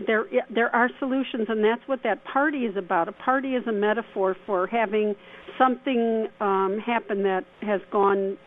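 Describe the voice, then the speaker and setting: A woman's voice: mid-range voice, steady tone, normal speed. A woman hosting a radio show, giving affectionate, reassuring advice in a conversational way. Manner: affectionate, reassuring, uses endearments. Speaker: radio host and spiritual counselor. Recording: tinny phone-like band, faint noise.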